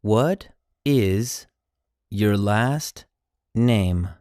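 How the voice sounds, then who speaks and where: An English teacher speaking phrases slowly in chunks and repeating each one. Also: mid-range voice, warm tone, no echo, clean studio sound. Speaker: language teacher. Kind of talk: slow drill of English phrases.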